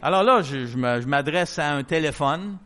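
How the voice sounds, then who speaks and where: A middle-aged man with a Québécois French accent preaches in a church setting. He tells his story as a lively testimony and acts out everyone's words along the way. His voice sits somewhat high for a man. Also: normal speed. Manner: lively storyteller who acts out quoted dialogue. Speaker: pastor. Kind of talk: testimony-style sermon storytelling.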